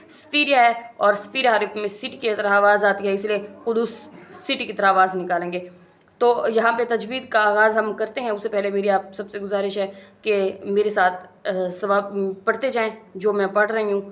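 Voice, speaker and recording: A woman's voice: medium pitch, fairly bright tone. A woman teaching Quran recitation, patiently explaining each rule step by step and repeating it. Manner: patient, methodical, repeats rules slowly. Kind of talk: step-by-step tajweed lesson.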